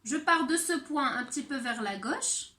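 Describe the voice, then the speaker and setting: A woman teacher giving a handwriting and sounds lesson to young children, speaking slowly and clearly. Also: high voice, animated, pushed and bright, reverberant. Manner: slow, clear teacher talk addressed to children. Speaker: primary school teacher.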